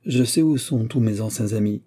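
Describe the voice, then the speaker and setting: A man voicing a sly, grinning old sailor in an audiobook, speaking loud and brash. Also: lowish voice, moderate pace, slightly rough. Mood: insolent.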